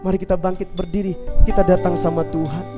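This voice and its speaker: High-voiced preacher telling a lively story. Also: male voice, fast talker, big-room sound. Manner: animated storyteller, acting out the people he quotes; fervent exhorting over worship music at the close. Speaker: pastor. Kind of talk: Sunday sermon with storytelling. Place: church service.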